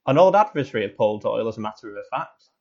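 A man as co-commentator on a spoof football show, with a deadpan, cynical pundit delivery. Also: fairly low pitch, fast talker, gravelly, dull audio.

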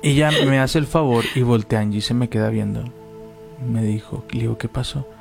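Man, animated then prayerful. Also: medium pitch, creaky, soft background music. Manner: animated storytelling, slows into fervent prayer. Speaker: co-host and preacher.

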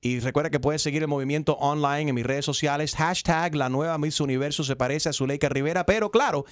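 A man's voice: fairly high pitch, fast, no echo, studio quality. A man hosting a radio show in casual chat, mixing two languages. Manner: bilingual, mixes English into Spanish.

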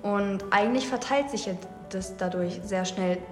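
With a medium-pitched, slightly mellow voice at a moderate pace, a young Saxon woman with a mild regional accent thinks aloud during a casual podcast discussion. Faint music plays behind her, and the room is echoey with long reverb.

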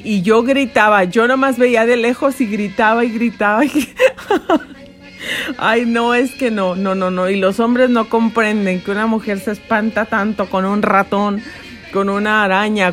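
A middle-aged woman from Mexico telling a personal story, animated and dramatic with many exclamations. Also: medium pitch. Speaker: podcast host.

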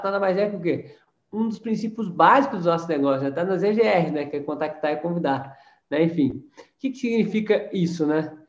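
A man with a Brazilian Portuguese accent gives an energetic, preachy network marketing training talk and keeps adding tag questions. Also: high voice. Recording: roomy, dull lo-fi sound.

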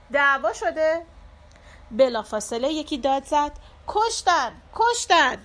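A woman reading a literary short story aloud as an audiobook narrator, in a measured, dramatic first-person style. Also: on the high side.

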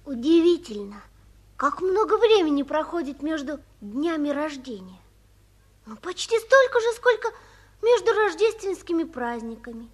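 Earnest, very high-voiced little boy. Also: big pitch swings, moderate pace. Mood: musing. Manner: childlike, pleading, eager. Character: earnest, wistful seven-year-old boy longing for a dog. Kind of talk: 1950s Soviet radio play acting. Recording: 1950s radio drama recording.

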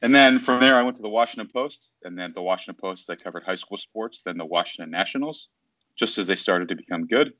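This man, a Virginia baseball journalist in his thirties, is being interviewed casually by video call from his city apartment. He talks fast and expressively in a low, slightly bright voice, recorded dry. Expect rambling, plenty of fillers, and constant mid-sentence corrections.

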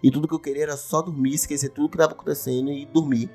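Fast-talking man telling a story. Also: a little high, soft background music. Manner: animated, swearing, repetitive for comic effect. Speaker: podcast storyteller. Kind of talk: comic first-person storytelling.

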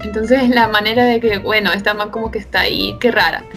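A young woman co-hosting a casual chat, telling animated stories with laughs. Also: mid-range voice, brisk, faint music behind. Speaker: podcast co-host.

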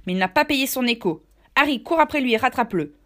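A woman doing a hearty pirate tavern keeper with one leg, booming and bossy. He barks his questions in a raised, pushed-up voice. It is a storybook reading. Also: animated, fast talker. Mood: agitated. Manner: loud, gruff, bossy scolding. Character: jovial, blustering one-legged male pirate innkeeper.

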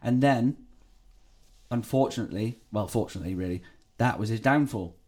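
A man's voice: mid-range voice, moderate pace, dark tone. Male podcast co-host; loose, rambling, salty storyteller. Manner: rambling, swears freely, breaks into laughs. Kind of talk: casual true-crime podcast chat.

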